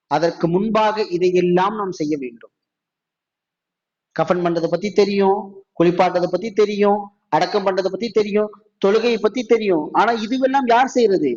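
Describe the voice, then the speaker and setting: A Tamil-speaking man preaching a mosque sermon. He asks the audience many questions and slows down to recite quotes. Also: sits high, highs cut off.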